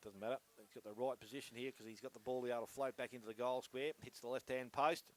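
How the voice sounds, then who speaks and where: An Australian-accented man gives live play-by-play commentary on an Australian rules football match, talking quickly in a mid-range voice with fairly even intonation. The outdoor sports broadcast is noisy.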